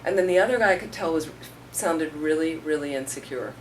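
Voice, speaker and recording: Deep-voiced and expressive, a middle-aged woman delivers a slightly quick, informal Buddhist talk as a teacher. She tells stories in a chatty way, voicing the quotes of the people involved, recorded from a distance with faint room noise.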